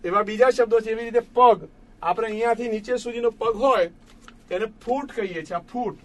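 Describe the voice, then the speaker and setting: A man's voice: very high voice, normal speed. A man teaching a grammar lesson, patiently repeating each word for his students and calling them friends. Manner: addresses listeners as friends. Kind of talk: classroom lesson explaining English grammar.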